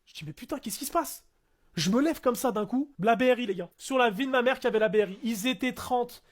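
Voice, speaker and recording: High-voiced man telling a wild story. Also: quick pace. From France. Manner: animated, acts out shouting cops and slangy street French. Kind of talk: casual comic anecdote.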